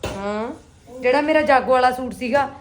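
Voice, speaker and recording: A woman's voice: high-pitched, normal speed, noisy background. A woman with a Punjabi accent chatting casually and familiarly as a vlogger, to viewers and companions alike. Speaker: vlogger and boutique owner. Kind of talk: casual vlog chat.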